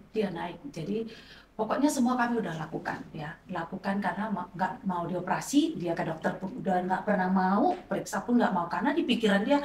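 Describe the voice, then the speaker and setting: Middle-aged woman sharing a heartfelt testimony, roomy sound. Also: mid-range voice. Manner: conversational, acts out quoted dialogue. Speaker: pastor's wife giving a testimony. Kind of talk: emotional personal testimony. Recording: roomy, distant mic, faint noise.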